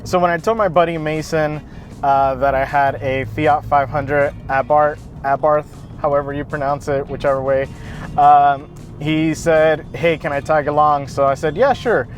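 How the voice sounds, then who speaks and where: Casting note: enthusiastic male car reviewer, slightly high voice, outdoors, faint music underneath. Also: fairly even intonation, normal speed. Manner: enthusiastic, casual, many fillers and restarts.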